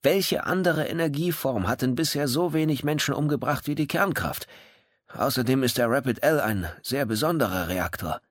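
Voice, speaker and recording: A man's voice: mid-range voice, expressive, normal speed, no echo, clean studio sound, voice pushed up, close to an everyday voice. A man voicing a worried, boastful company director of about sixty in a read-aloud story. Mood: proud. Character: anxious, proud sixty-year-old company director.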